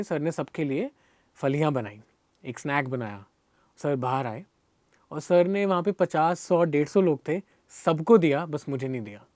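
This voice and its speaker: A man's voice: on the high side, darkish tone, no room sound, clean studio sound. A young man with a Hindi accent telling a personal story in an interview, earnest and emotional, often restarting and repeating himself. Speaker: guest.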